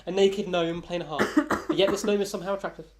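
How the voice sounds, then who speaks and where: Higher-voiced man running the game. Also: fairly even intonation, fast talker, noisy background. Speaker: game master. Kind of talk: narrating a tabletop game.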